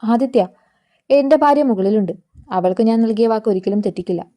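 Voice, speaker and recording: A woman voicing a calm, firm, protective wealthy young husband in a storybook narration. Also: sits high, brisk, lightly acted. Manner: quiet and firm.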